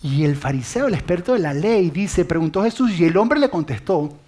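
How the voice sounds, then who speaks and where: Husky, high-voiced preacher man. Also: lively intonation, moderate pace, darkish tone. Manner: dramatic, drops to a whisper on key words; conversational, addresses the listener directly with questions. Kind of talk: sermon.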